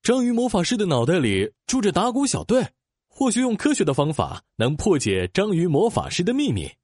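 A woman voicing a curious, polite dolphin doctor in a children's audio story, earnest and exclamatory, with a husky voice. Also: lowish voice, wildly swooping pitch, a little fast, a little mellow, dry recording, clean studio sound, exaggerated voice. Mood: intrigued.

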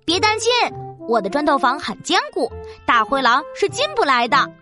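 Woman as a high, confident little piglet. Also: sing-song, normal speed, music in the background. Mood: reassuring, determined. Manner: childlike, firm, assured. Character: confident, steadfast young piglet, the sensible youngest brother. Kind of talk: children's audio story acting.

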